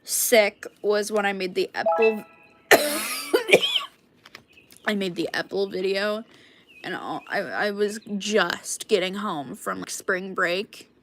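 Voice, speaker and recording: A woman's voice: medium pitch, measured pace. A young woman streamer chatting casually to viewers, rambling with lots of fillers and coughing from a cold. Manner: rambling, filler-heavy, frequent "like". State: sick with a cough. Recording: clicky background noise.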